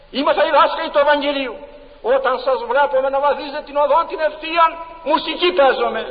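A male preacher with a very high voice delivers an impassioned, emphatic sermon full of rhetorical questions. The recording is dull and lo-fi, with long reverb from a large church hall.

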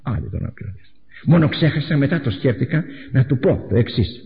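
A man preaching a sermon with a dramatic delivery, repeating phrases and swinging between loud outbursts and hushed asides. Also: medium pitch, lively intonation. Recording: echoey hall, dull lo-fi recording.

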